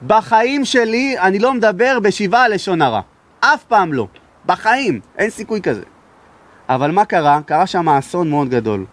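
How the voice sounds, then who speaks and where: A man's voice: sits high, expressive, fairly bright tone. A man, a rabbi from Israel, giving a sermon and telling stories, sometimes raising his voice for emphasis. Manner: raises his voice to be heard, emphatic. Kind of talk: sermon with storytelling.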